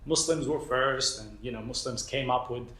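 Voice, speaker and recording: A man's voice: medium pitch, moderate pace, bright, forceful tone. A young man from Morocco, a PhD student, giving an informal talk to an audience, hesitant with many fillers and a self-deprecating manner. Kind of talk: informal lecture. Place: lecture room with an audience. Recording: echoey room, faint ambient noise.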